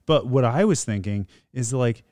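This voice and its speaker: A man guesting on a podcast, talking casually with a rambling, halting delivery and a goofy streak. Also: medium pitch, animated, a little mellow, dry recording, studio quality. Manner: rambling, many fillers and restarts, goofy.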